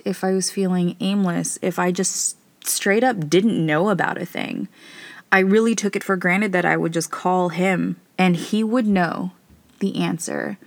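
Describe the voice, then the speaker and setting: A woman's voice: on the low side, no room sound. A woman in her thirties hosting a casual solo podcast, chatty, informal and self-deprecating, recording inside a small closet. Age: 30s. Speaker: podcast host. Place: small clothes closet in a studio apartment.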